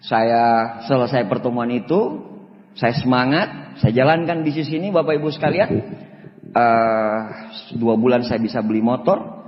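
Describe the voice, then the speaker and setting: A man giving a live motivational talk, telling stories in an animated, joking way. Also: mid-range voice, normal speed, slight background noise. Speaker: motivational speaker. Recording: echoey hall, dull lo-fi sound.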